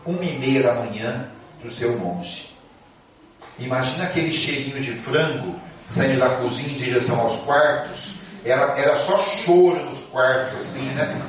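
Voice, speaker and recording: A man's voice: medium pitch, distant mic, a little hiss or hum. Chatty male storyteller in an echoey hall. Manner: lively, chatty storyteller with asides to the audience. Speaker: speaker. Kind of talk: storytelling sermon to an audience.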